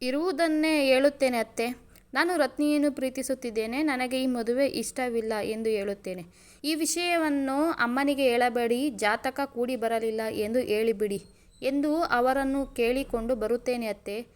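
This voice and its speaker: A woman's voice: high voice, moderate pace, natural voice. A woman reading aloud, voicing a young man who coaxes and protests as he defends himself to his sweetheart. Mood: earnest. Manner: coaxing, protesting.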